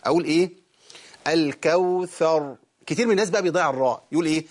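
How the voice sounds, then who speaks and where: A man with an Egyptian accent teaches recitation on a live call-in lesson. He talks rapidly in a somewhat high voice. He stops to stretch single words out slowly as examples. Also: animated. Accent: Egyptian Arabic. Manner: explains fast, then recites words slowly to demonstrate.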